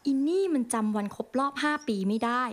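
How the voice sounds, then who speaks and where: A woman's voice: fairly high pitch, fairly quick, close to an everyday voice. An actress narrating as a young woman who grieves her late boyfriend, with blunt, crude, wry complaints. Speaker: narrator of the commercial. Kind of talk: scripted voice-over narration. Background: guitar music.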